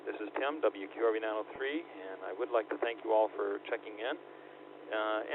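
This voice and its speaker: A man acting as net control for a radio net, his voice a little low and pausing often on ums and uhs. He comes through a narrow, tinny two-way radio channel, with a faint hiss of static underneath. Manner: hesitant, many ums and uhs. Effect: two-way radio transmission with static. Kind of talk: hosting an on-air radio net.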